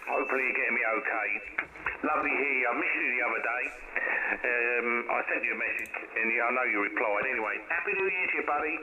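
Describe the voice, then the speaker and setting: A man's voice: mid-range voice, fast talker, dull audio. A man calling into a ham radio net, giving his call sign phonetically and cheerfully. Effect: received over shortwave radio. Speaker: caller. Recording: heavy radio static.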